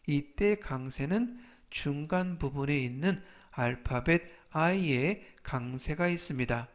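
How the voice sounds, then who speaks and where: Slow, methodical male vocabulary teacher. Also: a little high. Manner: repeats each English word slowly, then explains in a steady explanatory tone. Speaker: English teacher. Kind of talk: vocabulary lesson with spelled-out pronunciation drills.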